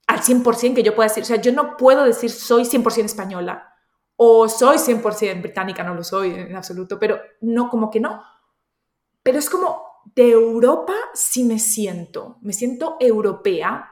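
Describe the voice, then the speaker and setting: A woman's voice: on the high side, darkish tone. Roomy-sounding woman with mixed Colombian-Spanish accent. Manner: reflective, thinks aloud with frequent restarts. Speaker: interview guest. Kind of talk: conversational interview.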